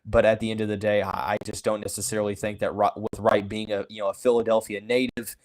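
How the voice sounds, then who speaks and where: With a low voice, little pitch movement and a quick pace, a male podcast host delivers casual sports talk on poor-quality audio. He speaks frankly and with strong opinions, insisting he calls it as he sees it, while hiccuping and filling gaps with "you know" and restarts.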